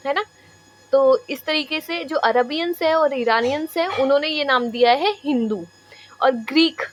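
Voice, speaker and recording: A woman's voice: sits high, a little hiss or hum. A woman teaching an exam-prep history lesson, repeating each point and often checking in with her students while mixing English terms into Hindi. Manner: repetitive, checks in with "है ना"; drills points by slow repetition. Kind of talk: classroom lecture.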